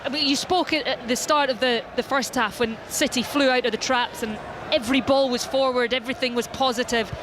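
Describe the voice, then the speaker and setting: A football commentator calls live match play in radio sports style, his high voice steady in tone and a little fast. Outdoor stadium ambience sits clearly behind him.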